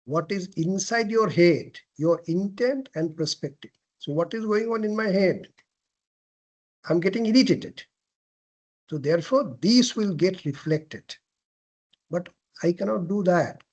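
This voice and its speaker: Slow, high-voiced man lecturing a class. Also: expressive, a little mellow. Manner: asks and answers his own questions; frequent throat clearing and self-corrections. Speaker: lecturer on presentation skills.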